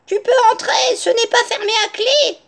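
A woman voicing a gentle but sly old grandmother in a children's story, soothing and sweetly delighted. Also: extremely high pitch, moderate pace, creaky, voice pushed up, exaggerated voice. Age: older. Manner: soothing, sugary, falsely delighted.

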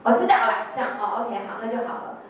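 Woman, Taiwanese Mandarin accent, educator, lively storytelling, high-ish voice, far-off echoey lo-fi hall sound. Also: quick pace, a little hiss or hum. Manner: storytelling, acting out quotes, tag particles. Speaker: educator leading a workshop. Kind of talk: lecture with told anecdotes.

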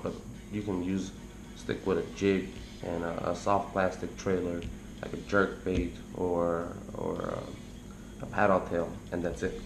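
Gravelly deep-voiced man in an echoey room. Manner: rambling, relaxed, explains as he goes. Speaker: fishing channel host. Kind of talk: casual tutorial talk to camera. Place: indoors at a kitchen table by a window. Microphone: camera on the table close to him. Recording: echoey room with background noise.

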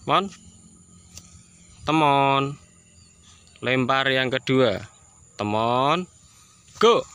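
A man chatting casually in a vlog outdoors in a rice field, breaking into coaxing high calls to his pet bird. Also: a bit bright. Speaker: bird keeper vlogger.

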